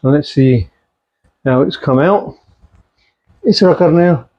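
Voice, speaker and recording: A man's voice: on the high side, slow. A middle-aged man casually showing home cooking in his kitchen, chatting easily and slipping in Punjabi-Urdu phrases. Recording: dull lo-fi home recording.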